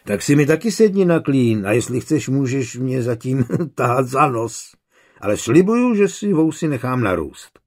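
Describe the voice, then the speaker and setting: A man voicing a kindly, playful grandfather in an audiobook, talking in a friendly, slightly husky voice. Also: mid-range voice, very animated, darkish tone.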